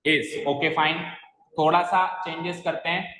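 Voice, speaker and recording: A man with a high, bright voice teaches a grammar lesson, going step by step and putting questions to his students. The sound carries a long reverb, like a large room. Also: fairly even intonation, a little slow, slight background noise. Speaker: English teacher. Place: classroom. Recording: echoey classroom with long reverb.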